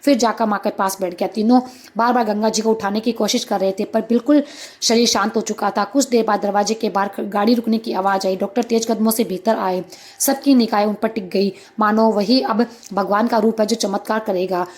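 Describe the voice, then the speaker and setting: A woman's voice: mid-range voice, steady tone, fairly quick, a little mellow. Woman narrating a dramatic story. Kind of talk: scripted narration of a moral story.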